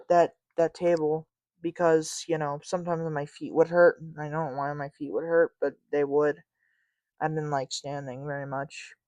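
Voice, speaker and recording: A man's voice: a little high, darkish tone, no room sound. A teenage boy hosting a podcast, telling a story casually in a rambling way, full of fillers and restarts, and often losing track of what he was saying. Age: teens. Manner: loses track mid-story. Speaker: podcast host.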